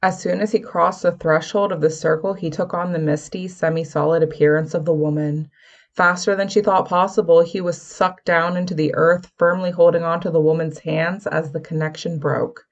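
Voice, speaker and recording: Woman audiobook narrator, lowish gravelly voice, even storytelling. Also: normal speed, dull audio. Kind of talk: scripted narration.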